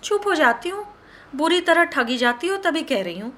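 Teasing college girl, high and giggly, as a woman storyteller puts her on. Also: big pitch swings, moderate pace, fairly bright tone, a little hiss or hum, full character voice. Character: teasing college-age daughter.

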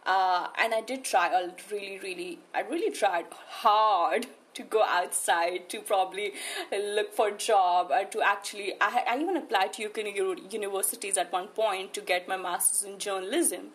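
A woman's voice: mid-range voice, normal speed, fairly bright tone. A woman from India with an urban New Delhi accent, reflecting on her own life in an interview, earnest and emphatic, often repeating words for emphasis. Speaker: interview guest, spiritual coach. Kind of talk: conversational interview, personal reflection.

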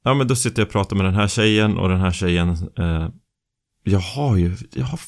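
A man co-hosting a casual podcast chat, telling an animated story and acting out the dialogue. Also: low voice. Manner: animated storyteller, acts out dialogue, frequent restarts. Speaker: podcast co-host.

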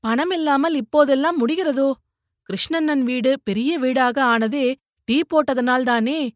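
A woman's voice: high voice, measured pace, dry recording, studio quality, pitched above the performer's own voice. A woman voicing a practical, argumentative village woman who argues persuasively, in an audiobook reading.

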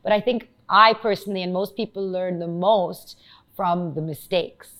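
A woman's voice: fairly low pitch, normal speed, fairly bright tone. A woman with an Indian accent hosting an interview, affirming her guest and thinking aloud through long, conversational questions. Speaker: interview host.

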